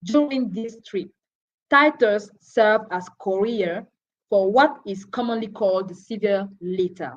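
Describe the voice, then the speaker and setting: Slow, measured woman teaching a Bible lesson. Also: medium pitch, highs cut off. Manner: measured, explanatory, pauses between phrases.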